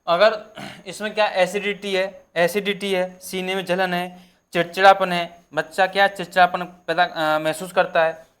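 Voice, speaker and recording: Young male tutor, fairly high voice, slow repetitive dictation of lesson points. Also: little pitch movement, a bit bright. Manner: repetitive, dictating terms slowly for notes. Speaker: teacher. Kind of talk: exam-prep lesson.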